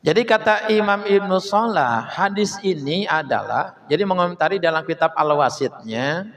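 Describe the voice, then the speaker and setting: A man's voice: high-pitched, animated, moderate pace, fairly bright tone. A man giving an Islamic text study lecture as a religious teacher, reading Arabic passages and explaining them step by step, often asking questions and answering them himself. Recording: long hall reverb.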